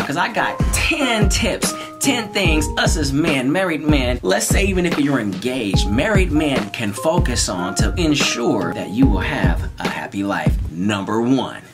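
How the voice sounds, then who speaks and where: Giving marriage tips in a casual to-camera vlog, an animated man with a mid-range voice talks over background music. He jokes and repeats lines from a small, bright room, with the camera close in front of him.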